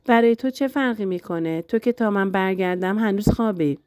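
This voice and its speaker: Female narrator voicing loving husband; teasing, firm, warm-spirited, dry close recording. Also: mid-range voice, clean tone, dry recording, close to an everyday voice. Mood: playful. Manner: gentle but firm, playful. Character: affectionate teasing young husband.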